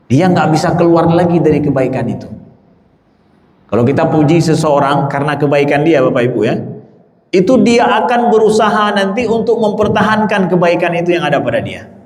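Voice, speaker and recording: Man preaching in an echoey mosque. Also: on the high side. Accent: Indonesian. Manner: animated, rising emphasis, repeats phrases, addresses the congregation. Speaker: ustadz giving a mosque lecture. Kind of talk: sermon with Q&A. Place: large mosque hall.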